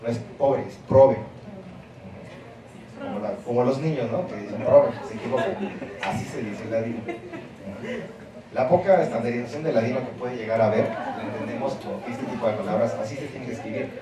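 Male lecturer, mid-pitched, emphatic and explanatory, heard from far off in a booming lecture hall with an audience. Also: fast talker, a crowd in the background. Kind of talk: university lecture. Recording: very echoey hall, mic far off, audience noise.

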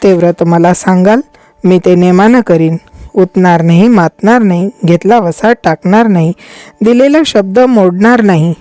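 A woman's voice: on the low side, unhurried, no room sound, close to an everyday voice. Woman reading as an anxious palace maid. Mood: pleading. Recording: soft music behind.

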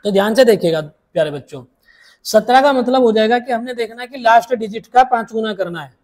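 Male maths teacher, patient and repetitive, slows down to spell out each step for the class. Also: extremely high pitch, animated, a little mellow. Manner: repeats each step slowly, addresses students as dear children. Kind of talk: blackboard maths lesson.

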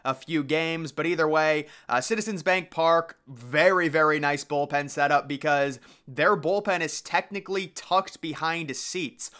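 A man's voice: fairly high pitch, sharp tone. A young man giving casual, opinionated voice-over commentary on ballpark designs, thinking aloud as he goes. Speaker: baseball stadium commentator.

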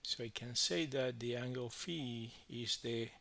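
With a mid-range, slightly bright voice touched by vocal fry, a man teaches physics, working through a problem in stages with halting phrases and plenty of verbal checks.

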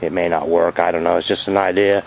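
A man in his fifties giving a rambling, chatty show-and-tell vlog outdoors by his garage, filming on a handheld camera and getting excited over his finds. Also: sits low, fast, creaky, slight background noise, poor audio. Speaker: vlogger.

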